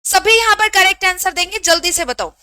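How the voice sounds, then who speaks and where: Repeating every question in a brisk, playfully scolding way, a female Hindi teacher runs a live online exam-prep session in a very high, bright voice. The audio is dry and close-miked, with no room sound.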